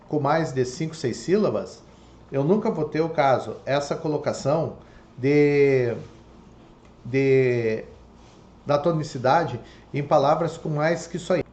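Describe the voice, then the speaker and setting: A man with a slightly high, darkish voice teaches a Portuguese lesson online, going through it step by step and often asking "tá?" and "ok?" to make sure students follow. The room is echoey, with faint background noise.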